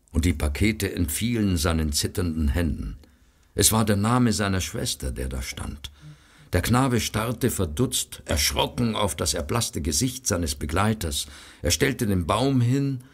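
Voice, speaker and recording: A man reads a story aloud in a measured, solemn way. His voice is very low and slightly husky. He takes his time over every sentence. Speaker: narrator.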